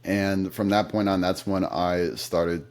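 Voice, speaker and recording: Interviewed about interpreting, this American man tells stories from his work in a reflective, conversational manner, now and then using fillers. He speaks slowly in a low, level, darkish voice.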